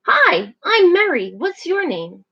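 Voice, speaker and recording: A squeaky, gushing little penguin girl from a storybook, bubbly and chatty, as a woman puts her on. Her voice leaps around very high and lively. The sound is a little dull and lo-fi. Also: slow pace, exaggerated voice.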